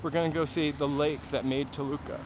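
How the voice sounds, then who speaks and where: On a walking-tour livestream, this man from New Hampshire makes rambling, casual asides to viewers as he moves along city streets. His high-leaning voice is flat and a little fast, set against traffic and urban street noise with passing vehicles.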